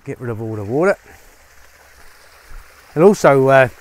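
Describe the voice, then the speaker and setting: A man's voice: medium pitch, animated, a little slow. A middle-aged man, talking casually to camera while working outdoors on his farm, chatty and upbeat with lots of fillers. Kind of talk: casual vlog narration to camera. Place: outdoors on a rural farm, rainy. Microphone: lapel mic.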